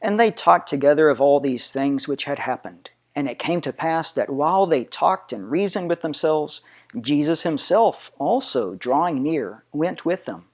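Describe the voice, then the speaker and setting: A man reading scripture aloud in a solemn, measured way, declaiming it with emphasis. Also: fairly high pitch, animated. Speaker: reader of scripture.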